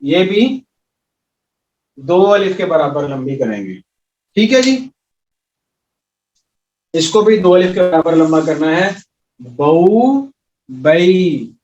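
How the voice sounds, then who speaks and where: A man teaching an Arabic recitation class, patiently repeating sounds slowly and quizzing his students. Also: fairly high pitch, expressive, a little mellow. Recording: echoey room, voice from a distance, dull sound.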